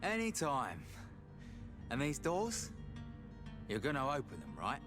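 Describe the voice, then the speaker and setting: An actor playing a wry, sardonic jailed smuggler who bargains, in a video game. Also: male voice, mid-range voice, huge pitch swings, a little slow. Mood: wry, bargaining. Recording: music behind the dialogue.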